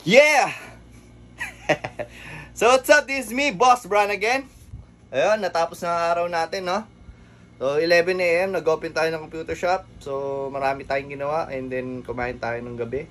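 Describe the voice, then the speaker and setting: A man's voice: fairly high pitch, steady tone, normal speed, a bit bright. A man from the Philippines who runs a computer shop, chatting casually in a vlog, easygoing and laughing often, a little out of breath. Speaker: computer shop owner and vlogger.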